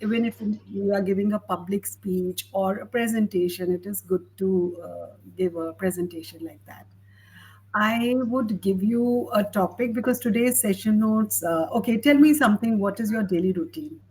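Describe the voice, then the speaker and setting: A woman tutors a learner in spoken English, laying out advice step by step in a measured, explanatory way. Her voice is a little husky and breathy. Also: mid-range voice, fairly even intonation, dark tone, poor audio. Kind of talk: teaching conversation.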